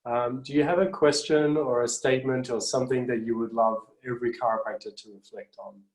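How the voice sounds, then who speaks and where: A man's voice: medium pitch, steady tone, a little fast. A man hosting an interview, affirming his guest and asking lofty questions with hesitant fillers. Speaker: interview host. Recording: roomy echo.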